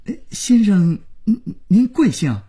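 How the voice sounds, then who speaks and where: A man's voice: high-pitched, very animated, a little slow, mellow, pitched above the performer's own voice. A man doing a flustered young clerk. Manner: nervous, apologetic.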